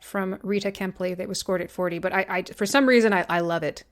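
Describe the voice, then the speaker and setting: A woman's voice: mid-range voice, fairly even intonation, fast talker. A woman co-hosting a podcast in casual chat, wry and sarcastic as she reads out critics' blurbs. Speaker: podcast co-host.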